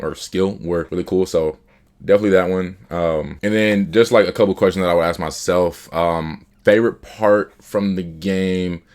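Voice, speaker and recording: A man's voice: deep voice, a little mellow. A young man casually reviewing a game he played, talking loosely with slang, laughter and half-finished restarts. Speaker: gaming YouTuber.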